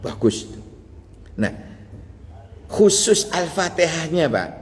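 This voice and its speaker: Slow-talking Javanese-accented preacher. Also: male voice, a little high, very animated, in a large hall. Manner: slow, folksy teaching with chuckles and Javanese asides. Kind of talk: Islamic dawn study sermon.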